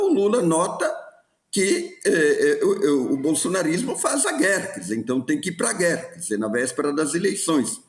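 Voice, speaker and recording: A man's voice: high voice, creaky. A man with a Brazilian Portuguese accent, a professor giving emphatic political analysis on a live news panel over a remote call, often restarting phrases. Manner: animated, many restarts, emphatic. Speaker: political science professor, commentator. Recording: roomy echo.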